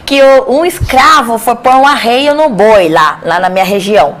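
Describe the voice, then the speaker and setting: A woman's voice: on the high side, normal speed. Bashful, chatty woman. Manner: bashful, giggly, chatty storyteller. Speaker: singer and guest. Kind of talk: casual TV chat.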